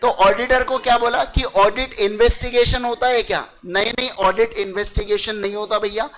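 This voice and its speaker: A man's voice: sits high, fairly even intonation, moderate pace, fairly bright tone, rough recording. A young man giving a chatty lecture to students. He mixes in English terms and keeps checking that they understand. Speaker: teacher. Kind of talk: casual classroom lecture.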